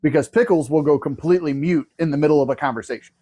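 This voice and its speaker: A man's voice: on the high side, fast, mellow. A man co-hosting a casual chat, easygoing, often restarting his sentences.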